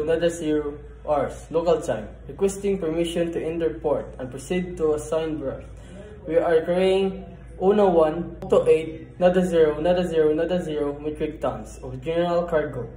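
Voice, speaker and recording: A man's voice: fairly high pitch, mellow. A man playing a ship's officer making a marine radio call to port control, formal and clipped, spelling out each number. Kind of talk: scripted marine radio procedure. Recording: echoey room.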